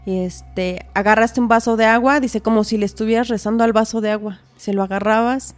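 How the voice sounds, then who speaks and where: A woman's voice: a little high, fairly quick, faint music behind. A woman, a podcast guest telling a personal story in casual talk, acting out what others said. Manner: animated, acts out quoted dialogue.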